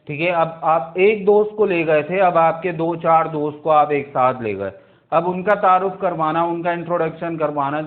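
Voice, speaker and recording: A man teaching English grammar in a video lesson, drawing out words and checking in with his students again and again. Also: on the high side. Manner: drawing out words and repeating "theek hai" and "bhaiya" to check in with students. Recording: tinny phone-like sound.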